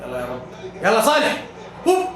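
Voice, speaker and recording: A fast-talking man with a high, excitable voice reacts live to a football match. He shouts and cheers and prays aloud between plays. The sound is echoey, as if from a bare room. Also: a crowd in the background.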